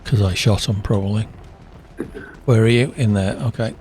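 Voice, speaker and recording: A man's voice: on the low side, fairly even intonation, normal speed, darkish tone, a little hiss or hum. A man streaming a co-op game, chatting casually and often trailing off mid-sentence. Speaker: streamer playing co-op. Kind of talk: casual gaming chat.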